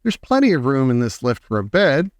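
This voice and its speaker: A man voicing an eccentric old chocolate factory owner in a storybook reading, kindly but brisk and emphatic. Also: mid-range voice, very animated, no echo, lightly acted. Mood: excited, urgent.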